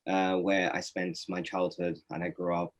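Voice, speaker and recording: A man's voice: sits low, monotone, moderate pace. A man from Norway, a poet and interview guest, giving thoughtful, reflective answers with many fillers and restarts on a webinar call. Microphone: webinar video call.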